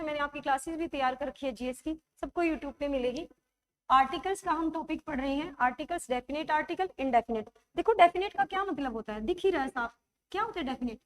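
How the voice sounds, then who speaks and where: A high-voiced woman teacher with a sore throat leads an online grammar class. She coaxes her students along, checking often that they understand, and writes examples as she talks, slowing right down to dictate them.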